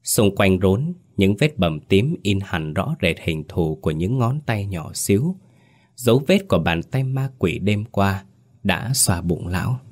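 A man narrating a horror story with dramatic, vivid delivery. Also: low-pitched.

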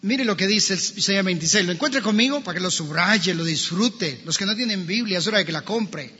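A man's voice: high-pitched, expressive, brisk, sharp tone, slightly rough. A male pastor preaching a sermon in a church, emphatically addressing his congregation. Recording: long church reverb, dull lo-fi sound.

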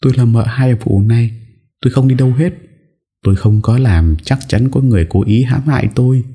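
A man's voice: medium pitch, a little fast, warm tone, slightly rough, pitched above the performer's own voice, lightly acted. A man voicing a distraught young wife who pleads tearfully that she has been framed. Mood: pleading tearfully. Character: young woman, anxious and wronged, pleading.

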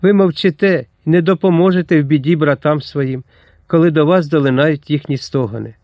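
A man's voice: on the high side, a little fast, darkish tone, dry recording, close to an everyday voice. A man voicing a young noble woman who is passionate and easily moved, speaking eagerly and pleadingly.

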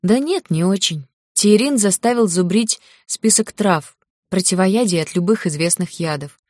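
A woman voicing a loyal young woman friend who talks briskly and firmly. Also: medium pitch, lively intonation, darkish tone, no room sound, studio quality, lightly acted.

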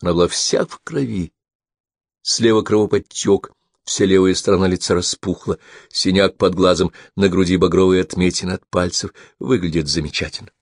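Low-voiced male audiobook narrator. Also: steady tone, moderate pace, dry recording, clean studio sound.

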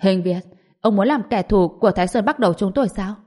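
A woman's voice: mid-range voice, quick pace, mellow, close to an everyday voice. A woman reading the lines of an angry male martial master confronting a rival. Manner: angry, barking.

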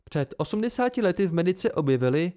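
A man's voice: high-pitched, very animated, dark tone, voice pushed up. A man voicing an earnest young female student who explains insistently.

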